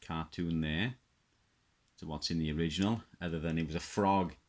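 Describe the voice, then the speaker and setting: In unscripted, casual show-and-tell commentary, a low-voiced middle-aged man who presents his hobby speaks haltingly. He muses aloud and frequently repeats what he says.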